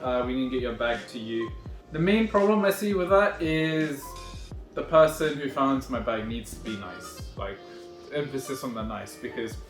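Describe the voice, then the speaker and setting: A man records himself on a phone while he pokes through a new bag, chatting in a rambling, wry way. The room around him rings with echo and faint music plays behind him. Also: medium pitch. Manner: rambling, wry, self-correcting. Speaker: vlogger unboxing a backpack. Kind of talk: casual unboxing walkthrough.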